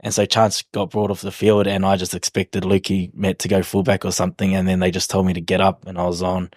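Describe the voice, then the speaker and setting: A rugby league player in his twenties chats as a podcast guest in a broad New Zealand accent, laid-back, slangy and hesitant. His deep voice is monotone, fast and a little mellow, captured in clean studio sound with no echo.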